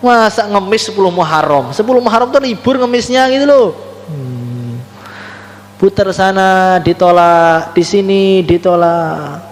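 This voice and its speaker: A man with a Javanese Indonesian accent preaching a storytelling sermon to a congregation, swinging between high exclamations and low murmured asides, and sometimes chanting short devotional phrases. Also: animated, unhurried, big-room sound, a little hiss or hum.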